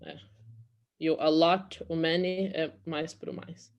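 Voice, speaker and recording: A woman's voice: sits low, fairly even intonation, slow. A woman from Brazil teaching an English class in Portuguese, explaining patiently and often checking in with "okay?".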